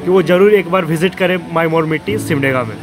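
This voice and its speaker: A man's voice: on the high side, fast. A young man with a Jharkhand Hindi accent, earnestly giving a casual review of a restaurant. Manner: earnest, recommending. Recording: background music.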